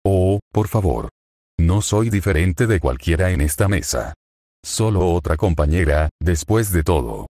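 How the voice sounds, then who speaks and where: A teasing teenage schoolgirl from a storybook fanfic, playful and sure of herself, as a man narrating puts her on. The voice sits low and stays dry and close, with no room around it. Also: animated, unhurried, warm tone, dry recording, full character voice. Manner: teasing, lightly sing-song.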